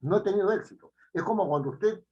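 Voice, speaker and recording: A male teacher lectures a class, his pitch rising and falling a lot and sitting somewhat high for a man. He repeats each key phrase and keeps checking in with tag questions. The classroom recording is dull and lo-fi. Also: expressive, fast, warm tone. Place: classroom before students.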